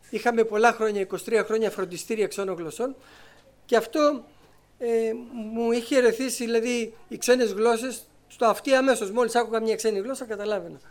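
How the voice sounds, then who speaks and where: A middle-aged man giving a personal testimony to his congregation as a lively storyteller who acts out the conversations he recounts. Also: high-pitched. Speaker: church member giving testimony.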